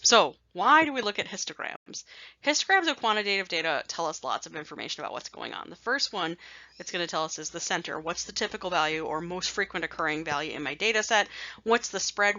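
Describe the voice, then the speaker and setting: Woman instructor, chatty slide lecture, self-mocking asides, lowish bright voice, dry dull lo-fi recording. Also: expressive, a little fast, dry recording. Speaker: statistics instructor.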